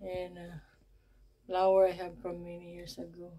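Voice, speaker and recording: A woman gives a casual home-tour vlog from her basement, her voice low and very even with little rise or fall. She speaks slowly and haltingly, often pausing to search for the right word, and her tone stays mellow throughout. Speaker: vlogger.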